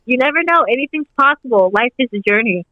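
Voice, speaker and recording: A young woman in her twenties speaks as an interview guest, upbeat and rambling, filling her sentences with "like". Her voice is bright and forward. The recording is dry and a little dull, like a lo-fi remote call. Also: fairly high pitch, animated, fast, no echo. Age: 20s. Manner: rambling, upbeat, heavy use of "like". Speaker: podcast guest. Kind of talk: casual interview chat.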